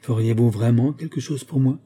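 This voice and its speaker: A man's voice: mid-range voice, moderate pace, dark tone, husky, natural voice. A man voicing a haughty, scornful young aristocratic woman in a storybook reading, with a mocking, disdainful manner.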